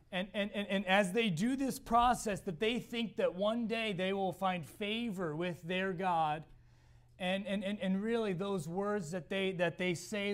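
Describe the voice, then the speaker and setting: A young man with a hoarse, failing voice, giving a missions talk in church, halting and often repeating words. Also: sits high. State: hoarse, losing voice. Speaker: missionary speaker.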